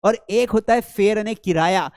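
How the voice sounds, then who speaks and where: Man, English teacher, slow careful example sentences, fairly high pitch. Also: a little mellow, smooth, no room sound, clean studio sound. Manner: calls listeners beta, slows right down for English example sentences. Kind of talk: classroom lesson explaining words.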